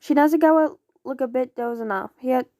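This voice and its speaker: A woman's voice: high voice, normal speed, darkish tone, no echo, clean studio sound. A woman casually reading fan fiction aloud, often stumbling over words and apologizing. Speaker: audio story reader.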